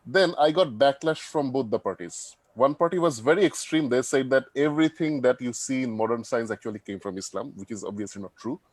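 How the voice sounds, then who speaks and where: A man's voice: mid-range voice, lively intonation, a little fast, hardly any pauses, dry recording. A man from Bangladesh, hesitantly asking a question in an online interview. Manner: hesitant, searching for words. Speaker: audience member asking a question.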